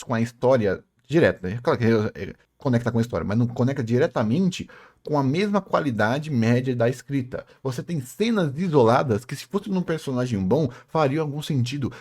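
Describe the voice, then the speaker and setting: A man ranting about what he is watching, sarcastic and emphatic, with frequent swearing. His pitch swings widely as he pushes his points, sitting at an average height for a man. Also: darkish tone. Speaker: host reacting to a video. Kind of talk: heated critical rant.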